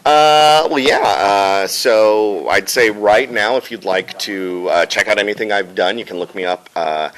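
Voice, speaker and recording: A man, a voice actor, chatting casually in an interview, rambling and animated. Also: fairly low pitch, measured pace, hardly any pauses, rough recording. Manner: animated, rambling, laughs often. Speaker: voice actor guest.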